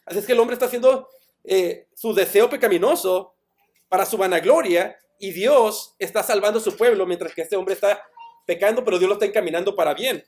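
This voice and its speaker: A man's voice: high-pitched, a little fast, a little mellow. A man preaching a sermon in a church, reading scripture aloud and then explaining it plainly while putting questions to the congregation. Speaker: pastor.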